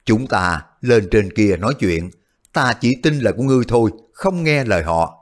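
A man's voice: on the low side, lively intonation, normal speed, lightly acted. A man voicing a bold, shrewd male warrior hero who talks in a wry way, feigning forgetfulness.

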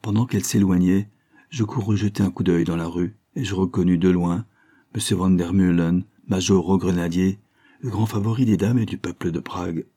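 A man narrating a novel in a steady, measured reading voice. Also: low-pitched, breathy edge. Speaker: audiobook narrator.

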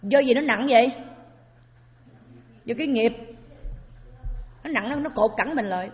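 A woman's voice: on the high side, a little slow, darkish tone. A woman giving a Buddhist Dharma talk as a sermon, often asking her listeners rhetorical questions. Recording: long hall reverb.

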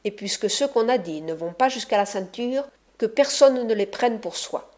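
A woman's voice: a little high, normal speed, darkish tone, close to an everyday voice. A woman reading a commanding gang boss. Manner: authoritative. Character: commanding older male gang boss, peacemaking. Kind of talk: audiobook reading.

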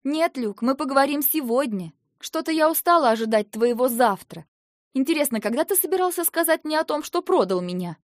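A proud young princess, acted by a woman narrator whose speech is raised and cutting. Her sarcastic, defiant delivery runs higher and louder than the narration. The storybook recording is close and dry. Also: expressive, fairly quick, dry recording.

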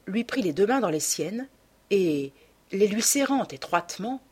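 A woman reads a classic novel aloud as audiobook narration, measured and literary. Her voice sits at a middling pitch, with a husky, slightly breathy texture. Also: expressive, darkish tone. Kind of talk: scripted narration.

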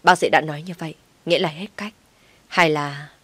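A woman's voice: deep voice, fairly even intonation, fairly quick, sharp tone, breathy edge, dry recording, exaggerated voice. A woman voicing a restrained young husband. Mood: gentle. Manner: pleading, insistent. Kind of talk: audiobook story reading.

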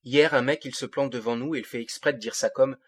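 A man reads a first-person audiobook monologue in the voice of an angry fifteen-year-old from the housing projects, firing off bitter street slang in agitated bursts. His voice sits at a medium pitch with a steady tone and a breathy edge. He reads briskly, sounding close to an everyday speaker.

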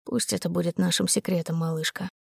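A woman voicing a tender, possessive male businessman in an audiobook, speaking low and hushed. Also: moderate pace, no room sound, studio quality, lightly acted.

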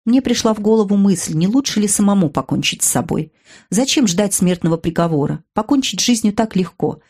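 A woman's voice: mid-range voice, lively intonation, fairly quick, a little mellow, breathy edge. A woman narrating a dramatic audiobook, raising her voice for the characters' cries.

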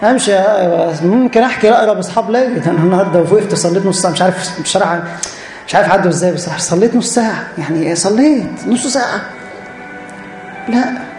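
Quick, earnest Egyptian preacher. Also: male voice, high voice, animated, a little mellow, echoey room, soft background music. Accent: Egyptian Arabic. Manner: earnest, direct, repeats phrases for emphasis. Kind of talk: church sermon.

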